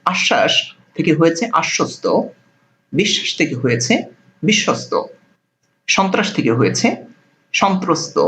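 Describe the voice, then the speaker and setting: Lively high-voiced male lecturer teaching. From Bangladesh. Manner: explains rules step by step with examples. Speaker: college Bangla lecturer. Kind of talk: recorded spelling lesson to students.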